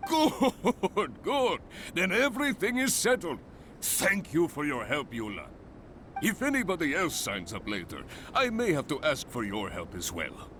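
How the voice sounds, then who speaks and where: A courteous, businesslike male guild official. His bright voice swings widely in pitch, with faint background noise. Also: sing-song, measured pace. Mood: relieved. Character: polite adventurers guild official man.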